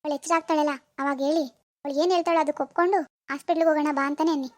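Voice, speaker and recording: A calm cartoon doctor explains things patiently and reassures the worried parents, voiced by a woman. The voice is very high and brisk. The recording is dry and close. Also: no room sound, lightly acted. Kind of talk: Kannada cartoon voice acting.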